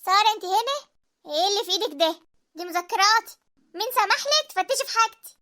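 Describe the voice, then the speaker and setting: Gentle Egyptian cartoon sister, played by a woman, quick and soft-spoken. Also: very high voice, expressive, exaggerated voice. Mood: defensive. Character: young village woman, shy and self-sacrificing sister. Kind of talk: cartoon voice acting.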